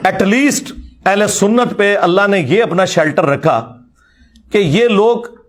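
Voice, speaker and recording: Speaking in a high voice with a Pakistani Punjabi accent, this middle-aged man gives a polemical religious lecture in an informal style. He comes across as emphatic, mocking and ready for a fight.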